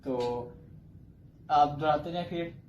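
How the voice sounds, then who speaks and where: A man gives a recorded language lesson at an unhurried, measured pace, sounding out single syllables one by one and repeating them before explaining. His voice rings in a reverberant room, with a faint hiss of ambience underneath. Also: a little high, level tone, lo-fi sound. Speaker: Chinese language teacher. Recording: echoey room.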